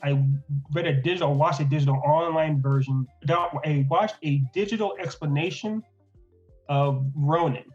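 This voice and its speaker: Man, thirties, podcast co-host, enthusiastic, laughs a lot, stutters, slightly high voice, dull lo-fi sound. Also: normal speed, faint music behind. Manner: enthusiastic, laughs often, stutters when excited. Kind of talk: casual review chat.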